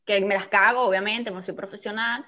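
Co-hosting a casual chat, a woman with a Venezuelan Spanish accent talks frankly and drops laughing asides. Her mid-range voice is steady, a little fast and sharp-toned, captured in a dull lo-fi recording.

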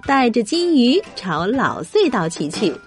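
A woman narrating a children's storybook with lively, expressive delivery, music playing behind. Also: on the high side, measured pace.

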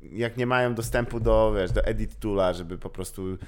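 A man in casual podcast chat, animated, swearing often and laughing a lot. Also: lowish voice, moderate pace.

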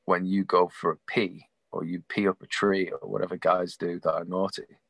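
A man, talking loosely and telling stories over a video call. His voice sits fairly low and sounds dry and close, with no room around it. He swears freely and jumps from one story to the next. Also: flat delivery, moderate pace, vocal fry, a bit bright, dry recording. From England. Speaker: show promoter on a video call. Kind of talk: casual chat.

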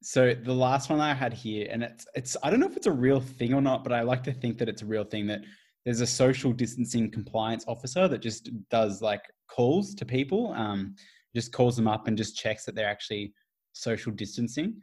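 A male podcast host chats casually with his guest in a mid-pitched voice. He hesitates often and fills the gaps with ums. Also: moderate pace, darkish tone. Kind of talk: casual chat.

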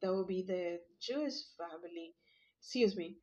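A woman giving an informal Bible study talk, reading verses aloud and explaining them, often pausing and correcting herself. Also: mid-range voice, animated, mellow, highs cut off, a little hiss or hum. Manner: hesitant, searching for words, self-correcting. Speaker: Bible teacher.

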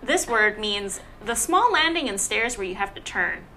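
A woman co-hosting a podcast in casual, playful chat, talking in quick bursts. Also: mid-range voice, big pitch swings, sharp tone, slight background noise. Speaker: podcast co-host.

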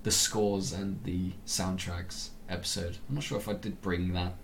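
A man's voice: low-pitched, flat delivery, moderate pace, creaky, slight background noise. A man co-hosting a podcast in natural, unscripted casual chat, rambling and enthusiastic about films and games. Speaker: podcast co-host.

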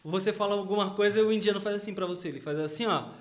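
A man's voice: high voice, rapid-fire, slight background noise. A man with a São Paulo city accent, chatting casually on a podcast and joking about how people talk. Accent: Paulistano Portuguese. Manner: jokey, imitates regional speech. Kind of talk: casual chat.

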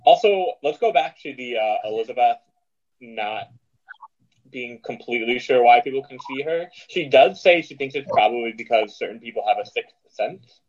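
A man's voice: medium pitch, expressive, moderate pace. A man co-hosting a casual book podcast, muffled as if talking underwater through a headset. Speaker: podcast co-host.

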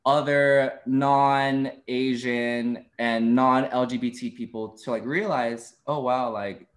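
A man's voice: mid-range voice, steady tone, slow. A young man in his twenties, talking openly and chattily as an interview guest and laughing often. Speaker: content creator being interviewed. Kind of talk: casual interview chat.

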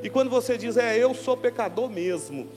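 A man preaches with a high voice, sinking into hushed lows and climbing to loud, fervent declarations. His voice rings through a large, reverberant church hall with soft music underneath. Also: lively intonation, moderate pace. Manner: swings from low hushed lines to loud declarations. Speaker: pastor. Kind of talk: sermon.

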